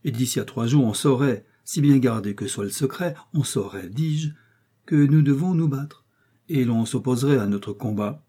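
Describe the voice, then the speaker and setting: Guy doing a proud noble musketeer, kinda husky, dark tone, a bit higher than his narration. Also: normal speed, lightly acted. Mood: courtly. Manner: formal, gracious speech.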